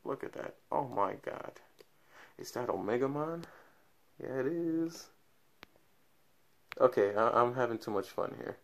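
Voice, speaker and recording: A man's voice: medium pitch, moderate pace, gravelly. Young man rambling through a card unboxing. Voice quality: level drops in and out as he moves. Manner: rambling, thinks aloud while opening packs. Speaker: card collector reviewing a product. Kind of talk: casual unboxing review. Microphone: camera mic, filming at an awkward angle.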